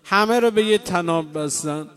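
Brief: male lament reciter, emotional sing-song chanting to a congregation, raised pitch. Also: fairly bright tone. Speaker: religious mourning reciter. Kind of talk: chanted religious mourning lament.

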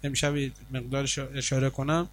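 A man preacher giving a sermon, telling a story with animation, then calmly explaining religious rules as he answers questions. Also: medium pitch.

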